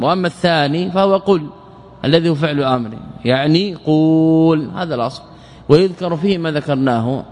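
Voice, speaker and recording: A man's voice: fairly high pitch, big-room sound. A man teaching a classical Arabic grammar lesson as an Islamic scholar, explaining step by step and repeating words and verse lines.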